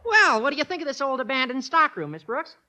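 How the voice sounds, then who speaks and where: A man playing an eager, scheming teenage schoolboy in old radio comedy, squeaky and self-important. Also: sing-song, quick pace, bright, forceful tone, slight background noise, heavily acted. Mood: proud, conspiratorial.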